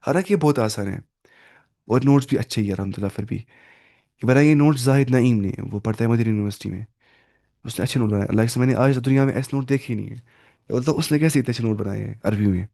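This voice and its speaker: A man's voice: medium pitch, fast talker, gravelly, mellow. Man drilling Arabic pronouns in Hindi. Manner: repetitive drilling with hand gestures; asks students questions often. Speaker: Arabic teacher. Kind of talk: online lesson, explaining grammar in Hindi.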